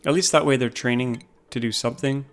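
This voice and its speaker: A man casually talking through a game base, thinking aloud with frequent pauses. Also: medium pitch, steady tone, faint music behind. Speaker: gaming YouTuber. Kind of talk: casual gameplay commentary.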